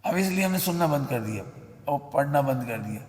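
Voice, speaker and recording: A man's voice: mid-range voice, animated, a little fast, a little mellow. Blunt male preacher in echoey hall. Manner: blunt, scolding, emphatic. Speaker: religious teacher. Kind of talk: sermon. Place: temple hall. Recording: echoey hall with long reverb.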